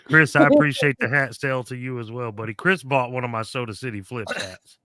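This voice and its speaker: A man's voice: medium pitch, a little fast, pushed and bright, dry recording, studio quality. A man in his forties chatting on a podcast, joking and poking fun at himself. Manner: joking, self-deprecating. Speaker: guest podcaster. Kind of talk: casual podcast chat.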